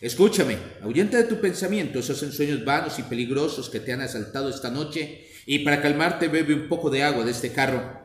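Man doing a slow, lamenting old mother, low and soft, storybook reading in an echoey room. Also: animated, natural voice. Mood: pleading. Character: pleading old mother, pious and tearful. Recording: echoey room with faint noise.

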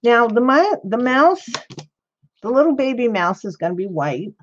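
A woman with a sing-song, somewhat high voice talks at normal speed to her livestream viewers as she does a craft project. She rambles and responds to chat by name, and the recording is slightly dull lo-fi stream audio.

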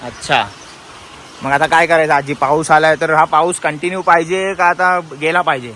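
High-voiced man vlogging in the rain. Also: moderate pace, rough recording. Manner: chatty and excited, calls out to family. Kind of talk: casual vlog narration to viewers. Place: outdoors in a village in the rain. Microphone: handheld phone. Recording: loud rain noise outdoors.

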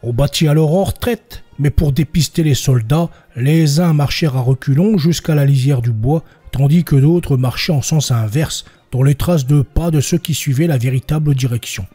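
Mellow man reading old testimony. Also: moderate pace, hardly any pauses, husky, soft background music. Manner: reads quoted villagers with raised pitch, slips and restarts. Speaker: podcast narrator. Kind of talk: reading historical court testimony aloud.

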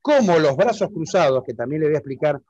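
A man's voice: on the high side, sing-song, quick pace, a little mellow, no room sound, muffled recording. A man with an Argentine accent teaching public speaking in an online lesson, explaining step by step and often checking that the listener understands. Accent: Argentine Spanish.

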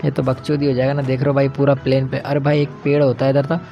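A young man talks through a shooter game in a relaxed, chatty way, peppering his lines with slang and friendly asides to his viewers. His voice sits at an ordinary middle pitch, with faint game music and gunshots underneath. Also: fast, gravelly, highs cut off. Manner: chatty, slangy, keeps calling viewers brother. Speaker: gaming channel host. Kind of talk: casual gameplay commentary.

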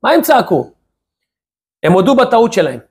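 Man, rabbi, Torah lesson, high voice, husky tone, lively storytelling, rhetorical questions.

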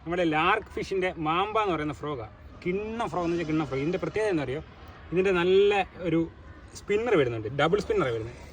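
A man hosts a casual fishing vlog in Kerala Malayalam sprinkled with English words. He talks quickly in a fairly high voice. Faint outdoor noise runs behind him. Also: animated. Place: outdoors on a river.

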